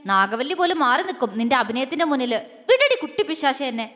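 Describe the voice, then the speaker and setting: A woman's voice: sits high, big pitch swings, fast talker, a bit bright, long reverb tail. A woman voicing an irritable, hot-headed young man in an audio story who mocks and bickers. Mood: irritated. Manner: irritable, mocking.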